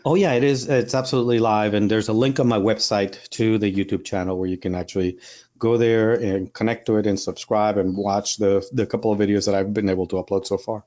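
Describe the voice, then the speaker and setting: A Spanish-speaking wildlife photographer and workshop leader from Puerto Rico chats casually in an interview, rambling with lots of fillers and restarts. His voice is fairly low, steady and mellow, delivered fairly quickly. The highs in the recording are cut off.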